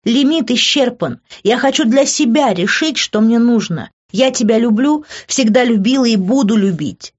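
A woman's voice: fairly high pitch, animated, moderate pace, hardly any pauses, slightly rough, highs cut off, voice pushed up. A woman reading an audiobook, voicing a heated, passionate young woman arguing with her lover in a raised, emotional voice.

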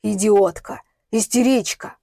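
A woman's voice: mid-range voice, a little slow, gravelly, mellow, dry recording, studio quality. A woman reading the lines of a desperate middle-aged man searching for his missing daughter, with strained, pleading outbursts.

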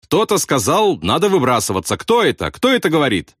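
A man voicing a jovial, excitable young male pilot who shouts in a high, shrill voice. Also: fairly quick, breathy edge, no echo, clean studio sound, heavily acted. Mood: nervous.

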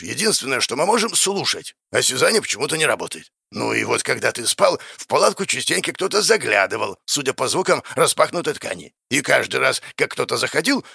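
A man's voice: mid-range voice, creaky, bright, forceful tone, breathy edge, dry recording, clean studio sound, exaggerated voice. A man voicing a crude, argumentative male spirit of anger in a storybook reading.

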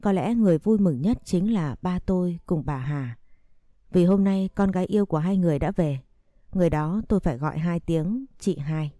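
Low, mellow woman narrating a story. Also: moderate pace, no echo, clean studio sound. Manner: reflective, wistful. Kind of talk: first-person audio story narration.

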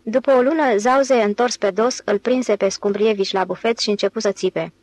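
A woman narrating an audiobook in a steady, even reading voice. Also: mid-range voice, dry recording, poor audio. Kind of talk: scripted narration.

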